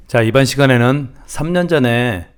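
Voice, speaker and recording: A middle-aged man with a lilt talks viewers through import costs in a relaxed, homespun way. His voice sits at a middle pitch and he speaks in casual, familiar speech. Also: normal speed, smooth. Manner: folksy, calls himself grandma, banmal to viewers. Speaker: channel host teaching importing. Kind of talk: casual instructional talk.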